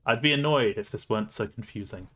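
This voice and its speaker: A man's voice: lowish voice, fast, sharp tone, a little hiss or hum. A man streaming a game, reading the story aloud with playful, laughing asides.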